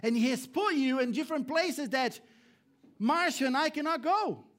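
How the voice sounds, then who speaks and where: A man from Brazil, a pastor preaching a sermon to a congregation, swinging between emphatic raised lines and low hushed ones. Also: animated, normal speed. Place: church hall before a congregation.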